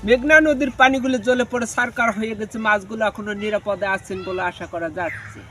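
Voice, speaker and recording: A man's voice: high voice, steady tone, fast talker, sharp tone, soft background music. A man with a Bangladeshi accent playing a parody news anchor, reading absurd headlines in a mock-solemn, formal, declaiming delivery.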